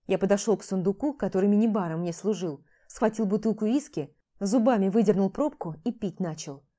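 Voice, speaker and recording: A woman's voice: mid-range voice, brisk, warm tone. A woman narrating a first-person novel aloud in an intense, emotional reading. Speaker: audiobook narrator.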